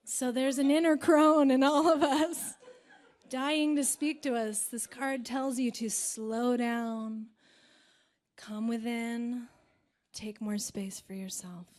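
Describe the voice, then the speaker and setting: Woman leading a spiritual concert gathering; gentle, unhurried, high-pitched. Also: fairly even intonation. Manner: soft, slow, meditative. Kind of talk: spiritual talk between songs at a live concert.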